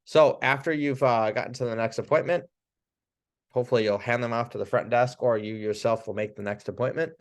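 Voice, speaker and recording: A chiropractor teaches Spanish phrases to use with patients, talking casually and chattily at a fairly quick pace in a medium-pitched voice. He laughs often and acts the phrases out in a lively way, like a relaxed instructional chat.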